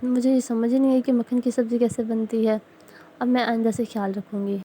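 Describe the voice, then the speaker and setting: A rueful young bride from a spoken storybook, laughing at her own mistake, as a woman narrator puts her on. The voice is slightly high and warm. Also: flat delivery, breathy edge, poor audio. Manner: rueful, self-mocking. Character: sheepish young bride, self-scolding.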